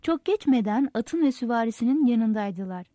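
A woman reads a novel aloud as the narrator, in a steady, measured way. Her voice sits fairly high but has a mellow, soft tone. The sound is close and dry. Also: dry recording. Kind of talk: audiobook narration.

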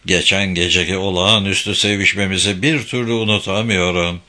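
A man's voice: low-pitched, fairly even intonation, fairly quick, sharp tone, voice pushed down. A man reading an audiobook voices an easygoing, playful man courting a woman. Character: grinning, easygoing man about town.

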